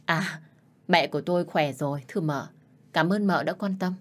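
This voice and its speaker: A woman's voice: sits low, normal speed. A woman voicing a polite male servant. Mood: deferential. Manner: polite and evasive. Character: deferential middle-aged male servant.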